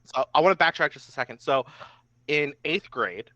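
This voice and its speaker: Bright young man, dry dull recording. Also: fairly high pitch, animated, moderate pace, no echo. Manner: reminiscing, lots of "like" fillers. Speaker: guest. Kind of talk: casual podcast chat. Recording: dry, slightly dull podcast mic.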